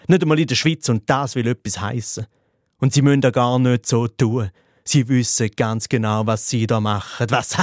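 A man's voice: medium pitch, no echo, clean studio sound. A man with a Swiss German accent delivering a scripted comedy monologue, sarcastic and exaggerated. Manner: sarcastic, exaggerated, mimics voices.

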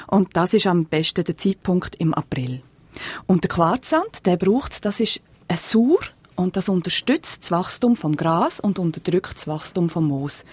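A woman's voice: lowish voice, lively intonation, unhurried, a little mellow, slightly rough, dry recording. Swiss German woman giving garden advice. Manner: practical, plain-spoken advice. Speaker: gardening expert guest. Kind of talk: radio advice answers. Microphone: studio microphone.

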